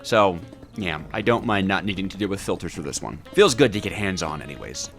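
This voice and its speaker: His voice is low-pitched, creaky and fairly bright, expressive and brisk, as he delivers scripted narration of his own video game playthrough. The man acts out his reactions theatrically with wry exasperation, accompanied by background music.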